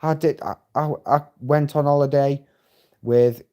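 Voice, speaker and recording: A man's voice: a little high, fairly even intonation, measured pace, dark tone. A middle-aged man, chatting casually on a live stream, rambling and swearing freely as he tells stories. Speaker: livestream host.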